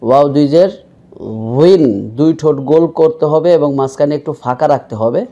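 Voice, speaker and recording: A man's voice: quick pace, muffled recording. A man teaching Quran reading in an online lesson, explaining pronunciation and drawing out each sound several times for the class to repeat. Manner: louder and higher when voicing the sounds.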